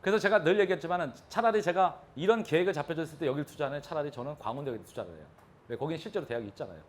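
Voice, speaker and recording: Male lecturer, quick and lively delivery, teaches by quizzing the room, voice sits a bit high. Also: slight background noise. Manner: animated, poses questions to the audience. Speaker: real estate lecturer. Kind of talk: live classroom lecture.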